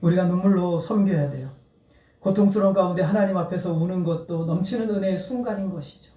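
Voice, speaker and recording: High-voiced man preaching in an echoey hall. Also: fast talker, dark tone. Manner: earnest, rising to emphatic appeals with laughter. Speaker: pastor. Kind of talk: sermon. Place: church sanctuary. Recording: echoey church hall, mic at a distance.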